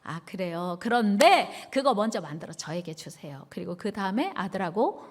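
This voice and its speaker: Calm, gently commanding old prophet, a woman voicing him, low and insistent. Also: normal speed. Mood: calmly insistent.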